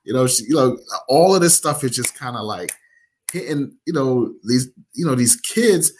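Guy from nigeria chatting about his app, lots of you-knows and restarts, middle pitch. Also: lively intonation, slight background noise. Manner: many fillers, halting restarts. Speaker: app founder. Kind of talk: casual interview talk.

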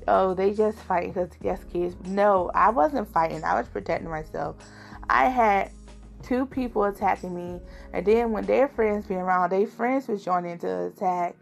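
A woman's voice: medium pitch, normal speed, gravelly, soft background music. A young adult woman vlogging, telling her personal story in an earnest, confiding way and addressing her viewers directly.

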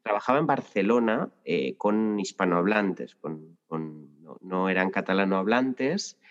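A man's voice: low voice, lively intonation, a little slow. A man explaining his language-teaching experience in a podcast interview, thoughtful and full of anecdotes with many restarts. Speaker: Spanish teacher guest. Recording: lo-fi with long reverb.

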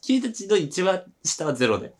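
A man's voice: high-pitched, very animated, normal speed. A young man co-hosting a radio talk show, chatting casually and bragging playfully about himself. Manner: boastful, playful, drops into Kansai-style phrasing. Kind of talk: casual chat.

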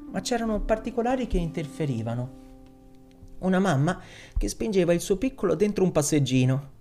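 Guy narrating an audiobook story, gravelly, calm and expressive. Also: fairly high pitch. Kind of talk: audiobook reading of a short story.

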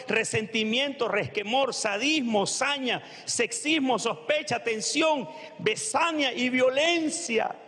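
High-voiced preacher in an echoing hall. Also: male voice. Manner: rapid word lists, rising to shouts; calls out to the congregation. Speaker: pastor. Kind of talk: sermon.

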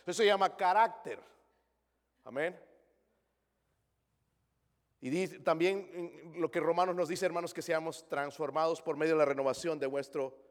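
A man's voice: fairly high pitch, normal speed, long pauses, big-room sound. A male pastor preaching a sermon in a church, asking the congregation many rhetorical questions.

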